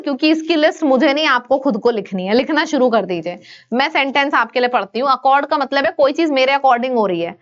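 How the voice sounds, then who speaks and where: Switching between Hindi and English, a woman with an Indian accent teaches an online exam-prep vocabulary lesson in a brisk, coaxing way. Her voice is high and fairly bright, though the audio is dull.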